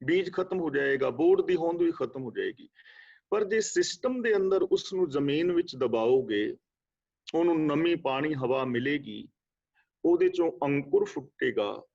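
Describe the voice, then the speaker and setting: A man giving a measured, explanatory scripture lecture as a religious teacher, slowing down to list words one by one. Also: a little high, animated, gravelly, a little mellow, slightly rough. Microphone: video call. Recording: dull lo-fi online call audio.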